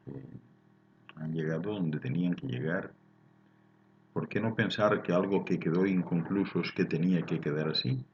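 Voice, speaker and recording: A man with a low, breathy voice and vocal fry hosts a live spiritual talk in a Spain Spanish accent. He reads out chat questions from viewers and explains his answers calmly, often ending with a questioning tag, on a recording with the highs cut off.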